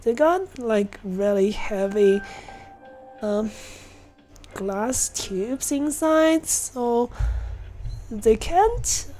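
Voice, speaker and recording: Her voice is fairly high and animated yet darkly toned, moving extremely slowly with frequent pauses. She's a livestreamer giving giggly, meandering, trailing commentary on a visual-novel game, with game music underneath.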